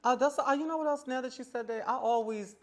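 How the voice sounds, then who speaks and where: A woman over forty, a veteran of the ballroom scene, tells stories casually and emphatically as a podcast guest, using sassy, slangy phrasing. She talks fast in a high-pitched, slightly mellow voice.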